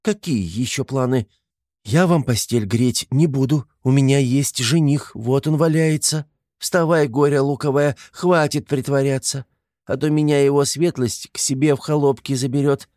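A man voicing a tiny, stubborn, sharp-tongued peasant woman in an audiobook. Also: medium pitch, normal speed, no room sound, clean studio sound, voice pushed up, lightly acted. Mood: indignant. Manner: stubborn, scolding. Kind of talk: audiobook character voice.

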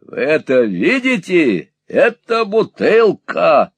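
A man voicing a coarse male schoolmaster who shouts slowly and loudly at a deaf old woman. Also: mid-range voice, big pitch swings, no echo, pitched above the performer's own voice. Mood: bellowing. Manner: loud, slow and overemphatic.

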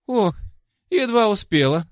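A man voicing a bubbly, hurried young woman who chatters breathlessly. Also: fairly high pitch, animated, no echo, clean studio sound, voice pushed up, natural voice. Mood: flustered.

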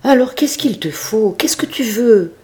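A woman's voice: on the high side, animated, a little slow, dark tone, voice pushed up. A woman voicing an old male farmer in a storybook, kindly but anxious, exclaiming and scolding his goat. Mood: worried. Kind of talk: storybook character reading.

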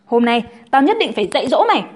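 A shrill, scheming pregnant young woman, put on by a woman storyteller, loud and accusing, her voice pitched up high. She throws barbs and wails theatrically in a spoken storybook. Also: very animated, quick pace.

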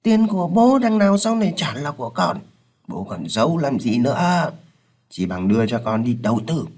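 A husky-voiced man voicing a drunken, insolent young man who slurs and drawls while begging for money. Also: mid-range voice, big pitch swings, normal speed, a little mellow, pitched above the performer's own voice. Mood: wheedling. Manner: slurred, drawling.

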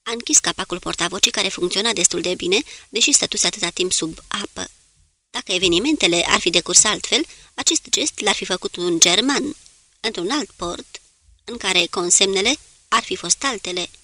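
A woman narrates an audiobook in a measured, even reading. Her voice is bright and forward. The recording is dry and close, with no room sound. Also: medium pitch, no room sound. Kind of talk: scripted narration.

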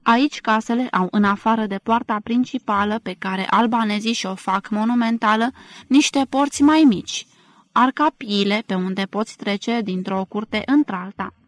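A woman's voice: a little high, no echo, natural voice. A woman reading the lines of a proud, chatty male innkeeper who likes to stir up talk, in an eager, slightly raised voice. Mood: gossipy.

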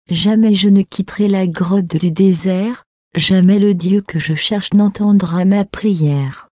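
A woman's voice: mid-range voice, warm tone, dry recording, clean studio sound. A woman reading the part of a grieving desert mother, in an earnest, declamatory way. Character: grieving desert mother, proud then softening.

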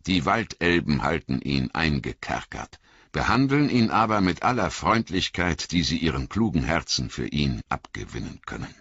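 A man voicing an old, wise male wizard who speaks in a grave, measured way with emphatic repetition, in an audiobook reading. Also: rumbling low, big pitch swings, creaky, a bit bright, slightly rough, no echo, full character voice. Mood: admonishing. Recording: dull lo-fi audiobook recording.

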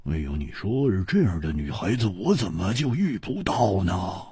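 A man voicing a rough, hearty young swordsman who talks loudly and sighs and chuckles between words. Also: low-pitched, sing-song, moderate pace, no echo, clean studio sound, exaggerated voice. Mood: boisterous. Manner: loud, sighing, chuckling, fillers.

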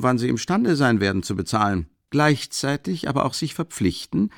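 A matter-of-fact male clerk, voiced by an audiobook reader lays out procedure in a steady, formal tone with lively pitch. The sound is dry and close. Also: no echo.

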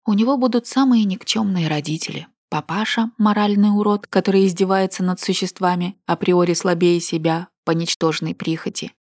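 A woman's voice: fairly low pitch, a little fast, hardly any pauses, darkish tone, dry recording, studio quality, pitched above the performer's own voice, natural voice. A woman reading the lines of a wounded, indignant young woman in a heated, emotional, accusing way.

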